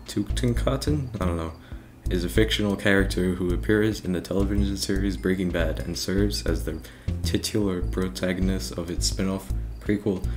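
A young British man on a livestream, reading a long text aloud, tripping over names and breaking off for wry, self-mocking asides. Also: low voice. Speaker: streamer.

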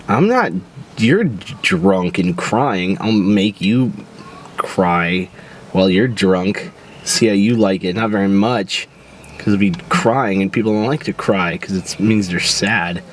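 A man playing a drunk, weepy, heartbroken amateur detective who rambles and swears in a parked car, slightly high voice with a lively, swooping delivery. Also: slight background noise. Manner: rambling, crude and self-pitying, swearing often. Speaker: comedy web host playing a detective. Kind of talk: improvised comedy monologue.

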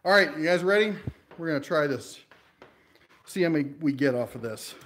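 A man's voice: a little high, animated, a little fast, fairly bright tone, slight background noise. A man hosting a casual tool review in a home workshop, talking while he works and cracking jokes at himself. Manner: wisecracking, talks while working.

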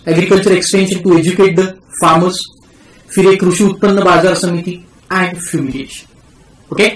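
A man with an Indian English accent giving a classroom lecture, switching between Hindi and English and slowing down to repeat key terms for his students. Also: high-pitched, roomy sound, poor audio. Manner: mixes Hindi and English, calls students "beta", drills key terms slowly. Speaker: tax teacher.

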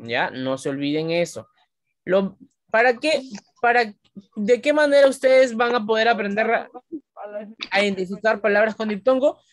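A woman teaching a class of young children, patiently explaining rules step by step and stretching words out slowly while she quizzes her pupils. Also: on the high side, expressive, no echo, studio quality. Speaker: primary school teacher.

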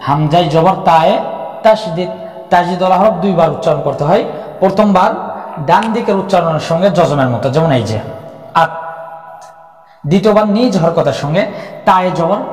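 A man's voice: high-pitched, a little mellow. Man teaching Quran reading in an echoey room. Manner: patient, repeats rules and drills syllables. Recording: echoey room with long reverb.

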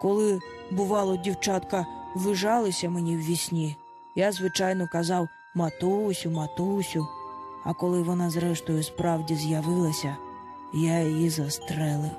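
Storybook boy, grave and quiet, voice pitched low and hushed, as a woman reader puts him on. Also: moderate pace, music in the background, close to an everyday voice. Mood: remorseful. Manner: lower, quiet and grave, dignified. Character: solemn, remorseful young boy of the band. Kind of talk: audiobook character voice.

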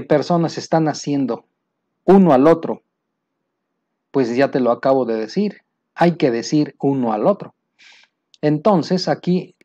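Patient male teacher with a mellow, dull-sounding voice. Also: on the high side. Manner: patient, checks understanding with frequent "¿sí?" and "mira". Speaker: English teacher. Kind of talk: explaining English grammar errors to Spanish speakers.

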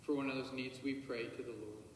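A male priest celebrates Mass at the altar, reciting liturgical prayers in a measured, solemn way and murmuring private prayers quietly. His voice is mid-range and steady. A distant camera captures him in a large, echoey church, with faint hiss.

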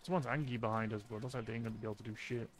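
A man giving casual live gameplay commentary with a friend, monotone and deadpan, swearing as he jokes. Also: mid-range voice, very fast. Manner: monotone, deadpan, profane joking. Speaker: video game streamer. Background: zombie game sounds.

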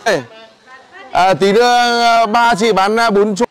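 A man's voice: high-pitched, fairly even intonation, a little slow. A man hosting a food vlog, bantering with vendors and laughing often at an outdoor market. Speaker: food vlogger host. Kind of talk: casual market vlog chat. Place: busy outdoor local market. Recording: busy outdoor market crowd. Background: crowd chatter.

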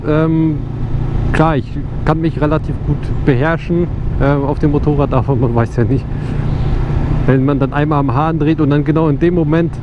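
High-voiced young man, muffled over loud road noise. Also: steady tone, normal speed. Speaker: motovlogger. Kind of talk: casual vlog chat while riding. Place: outdoors on a motorcycle on open roads. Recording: muffled helmet recording with loud engine noise. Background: engine, wind and road noise.

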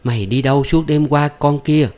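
A man voicing a loud, bossy old village mother who scolds her daughter. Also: lowish voice, moderate pace, close to an everyday voice. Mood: scolding.

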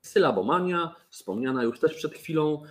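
A toy company presenter shows off board games in a relaxed, chatty way, joking around and often starting his sentences over with fillers. His voice sits a little high and sounds animated, at a normal pace.

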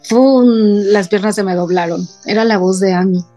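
A woman's voice: on the low side, steady tone, a little fast, mellow, faint music behind. A middle-aged woman, a guest in an interview, telling an emotional personal story and quoting her family as she goes. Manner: retells scenes by quoting family in her own voice.

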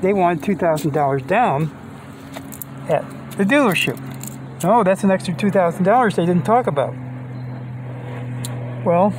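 An older man films a casual vlog on a phone held close, rambling in plain words, restarting often and doing sums out loud, first in a park and later inside a van. His voice sits high against a noisy background.

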